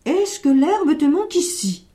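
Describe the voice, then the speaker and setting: A woman voicing a worried, kindly old male goat farmer in a storybook reading, pleading and exclaiming loudly. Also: sits high, a little slow, voice pushed up.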